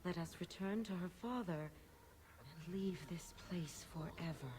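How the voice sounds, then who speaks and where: A woman plays an imperious demon cat from a fantasy video game. The voice is low, silky and formal, with a menacing, possessive edge. There is faint noise behind it. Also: measured pace, natural voice. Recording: faintly noisy game audio capture.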